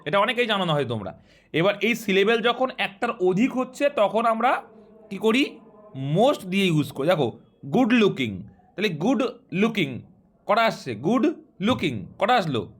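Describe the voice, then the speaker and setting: A man's voice: high voice, big pitch swings, moderate pace. A man teaching an English grammar lesson in speech, explaining step by step and quizzing his students.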